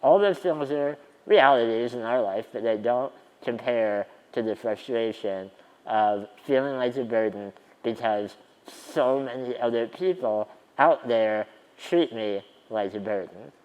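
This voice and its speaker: A man's voice: mid-range voice, a little slow, darkish tone, long reverb tail, dull audio. A man in his twenties telling stories in a conference keynote, with a wry, self-deprecating humor. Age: 20s. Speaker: keynote speaker. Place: conference stage.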